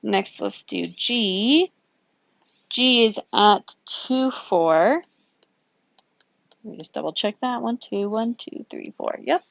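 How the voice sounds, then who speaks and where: A woman's voice: mid-range voice, slow, gravelly, pauses often, no room sound, muffled recording. Woman teacher counting out grid points. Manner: self-correcting, playful sound effects, counting grid squares aloud. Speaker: math teacher. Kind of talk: recorded geometry lesson, working problems aloud.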